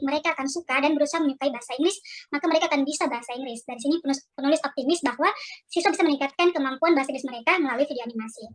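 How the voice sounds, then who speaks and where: A woman with a digitally disguised voice giving a formal, explanatory slide presentation as a teacher over a video call. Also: sits high. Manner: explanatory, signposting each section. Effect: voice changer, digitally disguised voice. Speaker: teacher presenting a project proposal.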